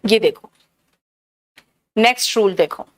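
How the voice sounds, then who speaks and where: A woman teaching an online grammar lesson, patiently drawing out her examples and calling her students "beta". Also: medium pitch. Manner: patient, drawn-out explaining, calls students "beta".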